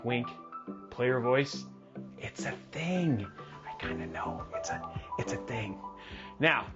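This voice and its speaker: Lively, jokey male tech news host. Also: high voice, lo-fi sound. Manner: animated and jokey, with dramatic asides. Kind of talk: livestreamed tech news commentary. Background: music playing under the voice.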